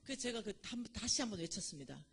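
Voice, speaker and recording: A middle-aged woman giving an animated testimony lecture at church, acting out the voices she quotes. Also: mid-range voice, fast, husky.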